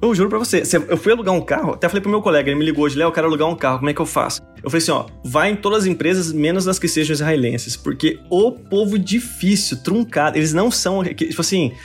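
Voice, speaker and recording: A young Brazilian man speaks with a Brazilian Portuguese accent, his voice sitting a little high for a man. He tells stories in an animated, expressive way as an interview guest. Soft music plays faintly underneath. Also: racing, few pauses, husky. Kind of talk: casual interview storytelling.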